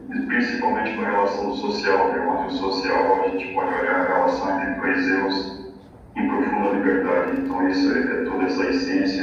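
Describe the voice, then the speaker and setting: A man's voice: deep voice, muffled recording, slight background noise. Reflective man, distant in an echoey hall. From Northeast Brazil, Piauí backlands. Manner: reflective, halting, frequent "né" fillers. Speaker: agronomist and social pedagogy association director. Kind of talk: personal testimony at a celebration event. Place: large hall at an event.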